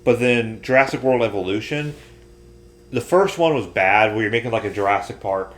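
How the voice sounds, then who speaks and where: A man with a lowish, expressive voice chats casually at a moderate pace as a podcast co-host, talking about games, shows and other entertainment. The room sounds roomy and echoey.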